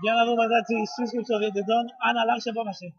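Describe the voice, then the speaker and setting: A man giving live play-by-play commentary on a volleyball match in terse, clipped calls that rise to shouts at big points. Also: very high-pitched, flat delivery, husky, no echo, faint music behind. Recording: lo-fi recording with loud crowd noise.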